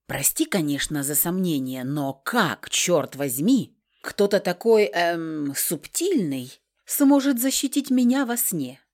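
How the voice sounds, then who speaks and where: A woman voicing a calm, curious young woman who talks bluntly and dryly. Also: fairly low pitch, slow. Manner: blunt, dry.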